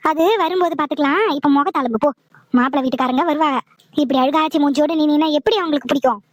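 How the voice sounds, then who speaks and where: A woman's voice: high-pitched, fast, no room sound, close to an everyday voice. A woman voicing a stern, bossy older woman caretaker in a cartoon, scolding and giving orders. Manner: scolding, commanding. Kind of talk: cartoon voice acting.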